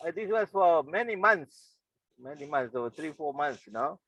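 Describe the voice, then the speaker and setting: A man's voice: a little high, expressive, normal speed, fairly bright tone, dry recording, dull audio. A man from Fiji telling his life story as a guest speaker, hesitant, with many fillers and restarts. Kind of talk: personal storytelling.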